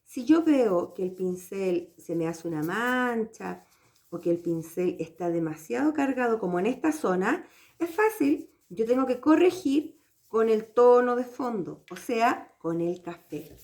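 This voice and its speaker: A woman's voice: a little high, animated, a little slow, a little mellow. A woman from Chile, patiently walking viewers through a craft project step by step and checking they follow. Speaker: craft teacher. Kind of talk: hands-on craft tutorial.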